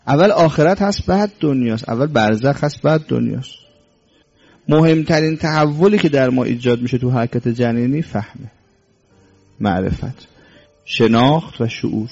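A man's voice: medium pitch, gravelly, a little mellow. A man preaching a religious sermon, quoting Arabic scripture and then explaining it, repeating his key words and asking rhetorical questions, sometimes sternly scolding. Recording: dull lo-fi recording.

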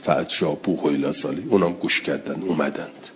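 Deep-voiced man teaching a text lesson. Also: dull audio, slight background noise. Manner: reads out classical passages, then explains them plainly phrase by phrase; answers listeners' questions with repeated yeses and noes. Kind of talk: classroom text-study lesson.

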